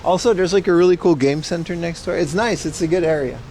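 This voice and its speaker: Speaking fast in a fairly high, darkish voice, this man is a live-stream host wandering outside near a city parking garage. His headset mic catches slight background noise as he rambles casually and drops the occasional swear word.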